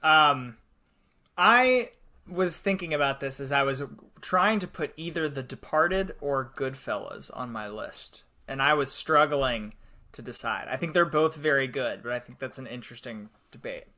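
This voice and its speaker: A man's voice: mid-range voice, animated, moderate pace, pushed and bright. A young man co-hosting a podcast in casual chat, easygoing, laughing often and thinking aloud. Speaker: podcast host.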